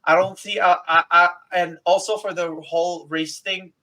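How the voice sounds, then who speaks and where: A man's voice: sits high, flat delivery, moderate pace, pushed and bright. A man co-hosting a casual podcast, emphatic and insistent, often repeating himself. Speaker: podcast co-host.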